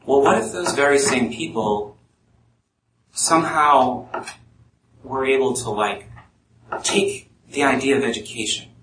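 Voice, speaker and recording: A man's voice: fairly bright tone, lightly acted. A man playing a nervous, fearful catastrophizer who keeps raising worried questions, heard from a distance in an echoey room. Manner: nervous, halting, pitching up with worry. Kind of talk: live speech role-play. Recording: echoey room, mic at a distance, faint noise.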